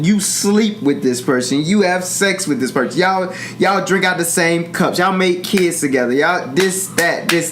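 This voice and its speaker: A man's voice: a little high, fairly bright tone, slight background noise. Affirming man of thirty. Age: 30s. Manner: affirming, frequent agreement sounds. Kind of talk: casual conversation.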